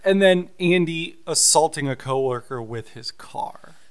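Guy cohosting a show recap podcast, slow and careful, smooth clear voice. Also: a little high, expressive. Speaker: podcast co-host. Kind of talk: casual recap chat.

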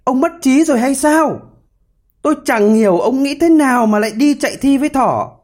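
A man doing a shrill nagging hedgehog wife. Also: normal speed, darkish tone. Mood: scolding. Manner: scolding, shrill outbursts. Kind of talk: storybook character voice.

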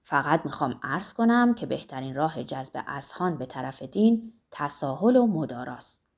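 A self-satisfied male pharmacist who loves to argue and gossip, voiced by a woman narrator. The voice is husky and mellow, with lively swings in pitch. He talks as if he has already won every debate, in a storybook reading. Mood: arguing. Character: boastful talkative middle-aged male pharmacist. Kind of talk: audiobook character reading.

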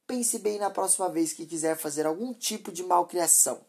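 A woman's voice: on the low side, normal speed, creaky, mellow, breathy edge. A woman voicing a harsh, impatient mother who scolds sharply and dismissively. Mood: scornful.

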